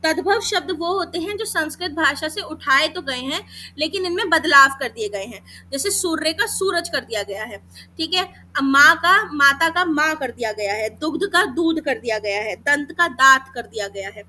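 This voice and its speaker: Bright high-voiced woman teacher. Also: animated. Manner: addresses students as beta, mixes English terms; demonstrates sounds slowly. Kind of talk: exam-prep lesson.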